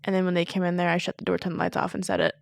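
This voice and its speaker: A woman's voice: lowish voice, rapid-fire, vocal fry, dry recording, studio quality. A young adult woman co-hosting a casual podcast, talking in a laid-back, giggly way. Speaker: podcast co-host, daughter. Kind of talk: casual chat.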